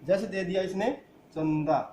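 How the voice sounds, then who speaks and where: A man's voice: sits high, moderate pace, mellow, roomy sound, slight background noise. A man teaching a grammar lesson who asks the class questions and answers them himself. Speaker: school teacher.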